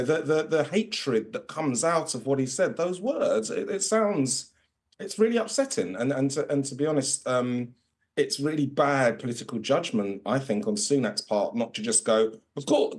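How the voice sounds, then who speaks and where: Earnest, halting man speaking on a remote link. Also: mid-range voice. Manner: earnest, halting, restarts his sentences. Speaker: councillor and activist guest. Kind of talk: live remote interview.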